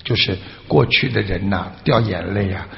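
A man preaching a Buddhist sermon through a story, with drawn-out filler sounds and questions to the audience. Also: fairly low pitch, gravelly. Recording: echoey hall, dull lo-fi sound.

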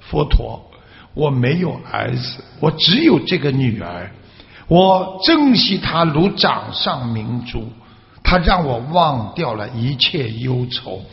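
A man's voice: medium pitch, very animated, gravelly, big-room sound, lo-fi sound, exaggerated voice. A man doing a grief-stricken pleading father. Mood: anguished pleading. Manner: slow, imploring lament.

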